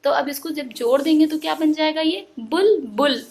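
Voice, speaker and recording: Woman teacher, high and gravelly, patient online phonics lesson, slow sounding-out. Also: a little mellow. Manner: slow drawn-out syllable sounding; explaining patiently to parents and children.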